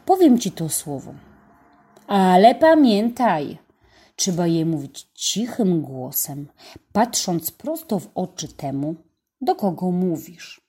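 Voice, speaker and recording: A woman reading a storybook, voicing a kind bearded old man who gently explains a secret. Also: fairly low pitch, big pitch swings, slow pace, slightly rough, heavily acted. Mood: hushed instructive.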